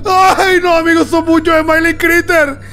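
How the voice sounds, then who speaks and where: A man doing let's-play commentary, talking to his viewers excitedly and yelping and laughing at the scares. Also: very high-pitched, a little slow. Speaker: gamer. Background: game music.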